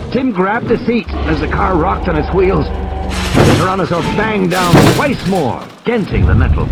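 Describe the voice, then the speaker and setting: Dramatic scripted narration of a thriller audiobook comes from a man whose voice sits a little high. The recording is very noisy, with rain, vehicle and ambience sound effects and clearly audible rain and storm effects behind him.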